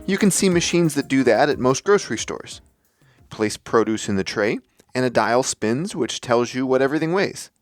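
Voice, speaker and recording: A man hosting a podcast, delivering a scripted explanatory monologue in a measured, deliberate way. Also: mid-range voice, animated, no room sound, soft background music. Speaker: podcast host.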